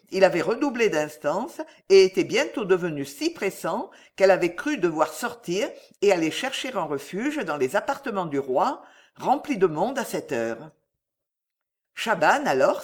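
A narrator reads a historical tale aloud in a dramatic, expressive manner. The pitch swings widely while it stays at a middle height. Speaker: audiobook narrator.

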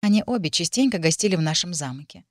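A woman reading her own book aloud, telling the story in a steady, measured way. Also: lowish voice, dry recording, studio quality. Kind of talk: audiobook narration.

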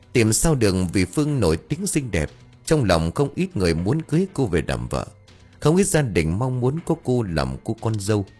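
A man narrating a dark folk tale in an expressive, dramatic way. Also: on the low side, husky. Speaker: storyteller. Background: faint music.

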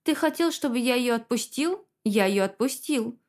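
A woman's voice: a little high, lively intonation, moderate pace, darkish tone, lightly acted. A woman reading the lines of a menacing, gloating male villain in an audiobook, mocking and cruel. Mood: taunting. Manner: taunting, mocking.

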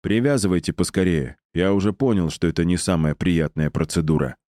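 A stern middle-aged colonel weighs each word deliberately, as a man reading an audiobook voices him. The voice sits very low and dark, in a dry, close sound. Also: dry recording, close to an everyday voice. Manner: measured and deliberate.

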